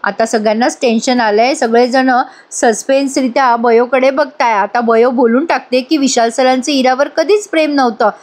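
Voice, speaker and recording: High-voiced woman retelling a TV serial. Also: steady tone, normal speed, few pauses, a little mellow. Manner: addresses viewers directly, voices each character's lines herself. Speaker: serial review narrator. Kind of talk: voice-over retelling of a TV episode.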